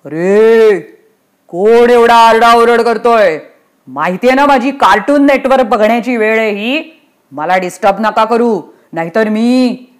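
A reader voicing a pompous, bossy male god of death who talks loudly and gives orders. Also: medium pitch, normal speed, lightly acted. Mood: annoyed. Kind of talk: storytelling play reading.

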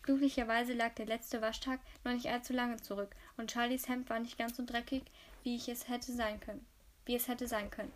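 A woman with a fairly high voice reads a novel aloud in first person. She narrates steadily, now and then stumbling over a word and restarting, in the manner of an amateur audiobook. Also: level tone, fairly quick, a little hiss or hum. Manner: reading aloud with small slips and restarts. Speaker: reader.

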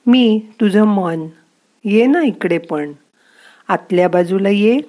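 A woman voicing a wise, gentle inner mind. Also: medium pitch, takes it slowly, natural voice. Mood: gently coaxing. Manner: coaxing and softly scolding.

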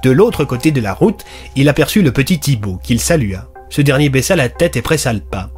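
Man narrating a story over soft music. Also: mid-range voice, fairly quick. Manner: steady storytelling.

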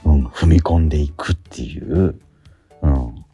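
Casually promoting a stage play on his radio show, a man stumbles along, hunting for words and saying things twice. He speaks in a rumbling low, mellow, husky voice over soft background music.

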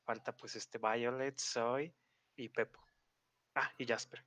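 A man, a game developer chatting casually on an online call in a relaxed way. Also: mid-range voice, slow, dry recording.

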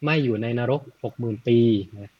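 A man retelling a Buddhist story in a casual, chatty way, often adding soft tag words and working out sums aloud. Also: normal speed, no room sound, highs cut off. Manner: chatty, frequent "na" tags, thinks aloud with math.

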